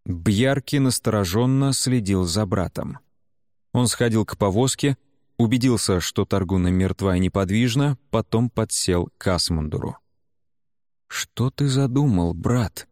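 In clean studio sound without any room sound, a man with a lowish voice reads an audiobook with calm, even, measured narration.

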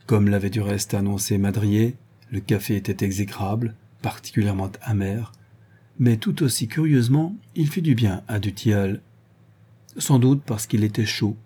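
A man reading an audiobook in an even, measured narration. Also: on the low side, breathy edge. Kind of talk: scripted narration.

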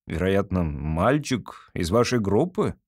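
Figure: weary old Bolshevik father acted by a man. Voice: lower and quieter than the narration. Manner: cautious, baffled questions. Sound: dry, close. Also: very animated, takes it slowly, no echo, heavily acted.

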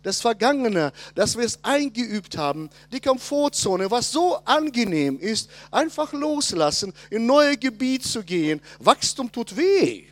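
A man, preaching a conference sermon and addressing the congregation directly, moving between loud emphasis and quiet asides. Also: extremely high pitch, sing-song, a little slow, hardly any pauses, soft background music. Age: 60s.

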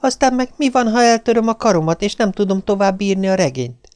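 A man's voice: sits high, darkish tone, clean tone, no room sound, voice pushed up, close to an everyday voice. A man reading aloud voices a fussy middle-aged wife who protests in a self-pitying, martyred way. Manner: whiny, protesting.

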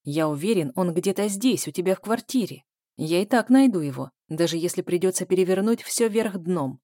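A woman reading a novel aloud, voicing a scarred male killer who speaks quietly with a hiss, like a snake. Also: on the low side, lively intonation, moderate pace, dry recording, studio quality, close to an everyday voice. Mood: zealous threatening. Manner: quiet hissing menace. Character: scarred man, cold cruel killer.

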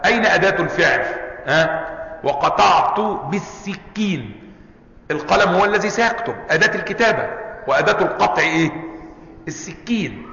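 A man with an Egyptian accent gives a classroom lecture, often asking questions and answering them himself. His voice is fairly high and bright. It is recorded in an echoey hall with long reverb and a slightly dull sound. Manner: slows down to recite quoted verses. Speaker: teacher of Islamic legal theory.

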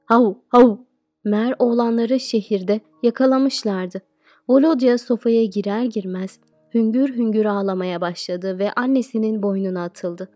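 A woman teacher reading an audiobook aloud, narrating in a steady, expressive storytelling way. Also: medium pitch, moderate pace, no room sound, soft background music.

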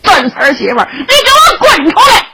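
A woman voicing a furious, grieving old mother who wails and shouts curses in a raspy voice. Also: very high-pitched, normal speed, a little hiss or hum, pitched above the performer's own voice, poor audio. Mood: wailing fury.

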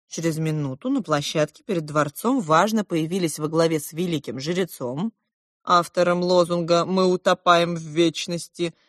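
A woman narrating a children's audiobook with expressive storytelling. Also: fairly low pitch, no echo, studio quality. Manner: expressive storytelling, shifting into character voices. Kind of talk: scripted narration.

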